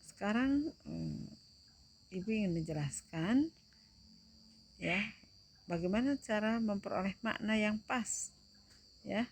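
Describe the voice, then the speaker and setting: A young adult woman teacher giving a recorded lesson, explaining slowly and deliberately and checking in with her students. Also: medium pitch, a little hiss or hum.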